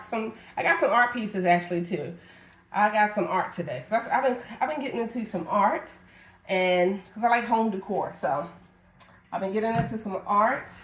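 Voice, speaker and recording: A middle-aged woman running a live auction as a reseller, chatting playfully and talking straight to her viewers. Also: medium pitch. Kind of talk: casual live-selling chat. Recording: echoey room.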